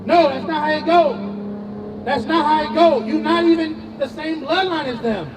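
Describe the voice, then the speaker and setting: A man's voice: extremely high pitch, measured pace, recorded from a distance, rough recording. A man street preaching, emphatic and slangy, calling on a reader and questioning the crowd outdoors.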